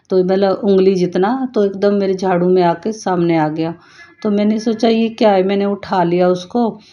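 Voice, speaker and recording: A woman giving an earnest personal devotional testimony, talking in a halting way with frequent restarts. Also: mid-range voice, dark tone. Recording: dull lo-fi voice note.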